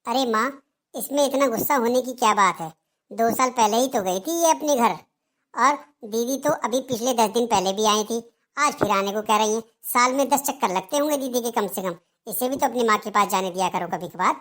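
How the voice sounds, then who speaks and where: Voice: mid-range voice, moderate pace, fairly bright tone, close to an everyday voice. A voice actor playing a grown son in a Hindi cartoon, reasoning and pleading with his mother.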